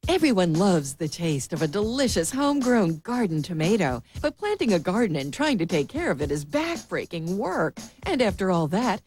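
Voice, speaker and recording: A woman announcer giving an enthusiastic, urging infomercial sales pitch. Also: a little mellow. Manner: enthusiastic, urging hard sell. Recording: music bed behind the voice.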